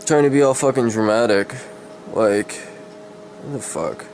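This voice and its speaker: A slightly mellow, medium-pitched male voice reads fantasy horror fiction with drama at a measured pace. His delivery stumbles, and he keeps correcting himself, while background noise is plainly heard.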